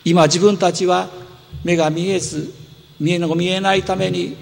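Gravelly pastor preaching in a reverberant church. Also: male voice, sits high, flat delivery, normal speed. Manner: earnest, gently explanatory, with rising emphasis. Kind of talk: sermon. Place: church sanctuary. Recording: long hall reverb.

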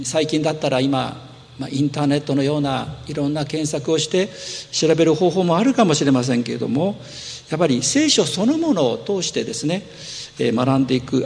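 Male pastor, slightly high gravelly voice, earnest patient sermon delivery, church with long echo. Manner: earnest, gently explanatory, with rising emphasis. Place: church sanctuary. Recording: long hall reverb.

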